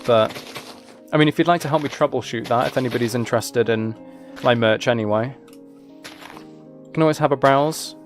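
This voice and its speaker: This man's mid-range voice moves at a brisk clip with faint music behind it. Streaming a game, he keeps up loose, rambling chatter, musing out loud while he plays.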